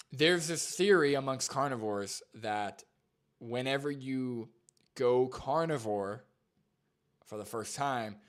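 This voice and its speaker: A young male streamer chatting live and reacting to a clip. He rambles, stacking fillers and restarts as he thinks aloud. His voice sits at an ordinary middle pitch.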